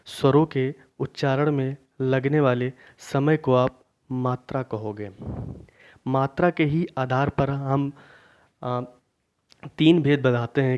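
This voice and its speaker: A man teaching a grammar lesson for exam preparation, asking questions and then answering them himself, repeating key points slowly. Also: mid-range voice, darkish tone. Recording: dull lo-fi recording.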